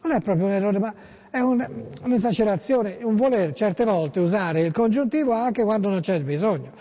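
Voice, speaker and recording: Rambling man, high voice, echoing. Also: moderate pace, dark tone. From Tuscany. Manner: playful, rambling, repeats words. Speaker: host reading listener messages. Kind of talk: casual monologue. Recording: lo-fi with long reverb.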